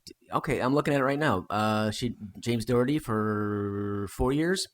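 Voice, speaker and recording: An American man with a fairly low voice speaks at a normal pace while co-hosting a podcast. He chats casually about history, rambling with fillers and restarts.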